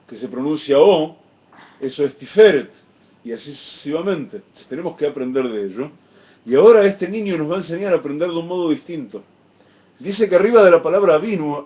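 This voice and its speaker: A man teaching a Torah lesson, explaining Hebrew text with expressive emphasis and chanted phrases. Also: fairly high pitch. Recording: dull lo-fi recording.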